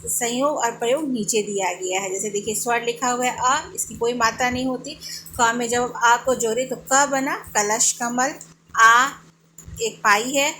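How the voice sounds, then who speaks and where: A woman's voice: on the high side, a bit bright, slight background noise, rough recording. A woman teaching a children's grammar lesson, patiently asking questions and answering them herself, drawing out sounds to demonstrate them. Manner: drawn-out sounds when demonstrating pronunciation.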